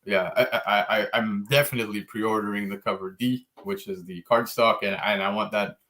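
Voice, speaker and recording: A man's voice: fairly low pitch, fairly even intonation, moderate pace, fairly bright tone. A man hosting a casual comics podcast, talking enthusiastically about covers with lots of fillers. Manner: laid-back, enthusiastic, frequent fillers. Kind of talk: casual chat.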